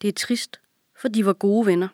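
A woman narrating a children's audiobook in a calm, even storytelling manner. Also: mid-range voice, no room sound, studio quality.

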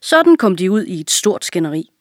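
A woman calmly and clearly reading a fable aloud for children. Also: medium pitch, no echo, clean studio sound. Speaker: reader.

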